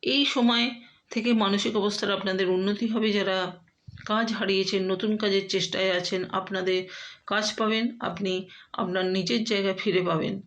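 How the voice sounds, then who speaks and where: A woman astrologer talks straight to her viewers through a horoscope reading. Her voice sits at a middle pitch, and she keeps a steady, explaining pace, pausing often with small filler sounds. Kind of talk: horoscope talk to camera.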